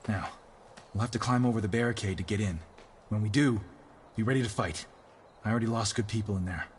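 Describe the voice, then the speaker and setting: A man's voice: fairly low pitch, fast talker, a little hiss or hum, lightly acted. An actor voicing a weary male soldier commander in a video game, earnest and commanding. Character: weary male soldier leader, grim and loyal.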